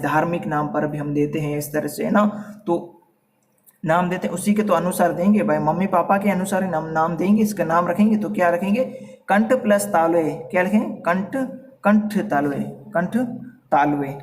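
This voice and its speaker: A man's voice: sits high, a little hiss or hum. Distant Rajasthani man teaching phonetics. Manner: repeats sounds slowly, addresses students as beta. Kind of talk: Hindi grammar class.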